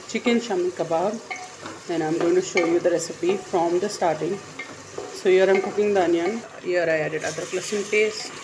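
A woman's voice: fairly low pitch, noisy background. A woman narrating her home cooking vlog step by step, recorded on a phone in her kitchen. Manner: steady step-by-step instructional narration. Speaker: cooking vlogger.

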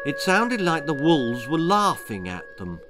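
With a voice on the high side, very animated yet unhurried, a man in his sixties performs his own children's horror-comedy story, dramatically enjoying every grisly detail. Music plays in the small, book-lined room around him.

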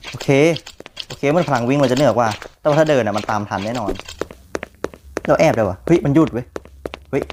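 A young man giving jumpy, excitable commentary on a horror game, often repeating words when startled. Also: mid-range voice, brisk, pauses often, noisy background. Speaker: gaming YouTuber.

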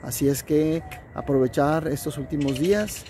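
A man telling a story to children in simple, gentle phrasing, then speaking to the kids directly. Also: on the high side, moderate pace, background noise.

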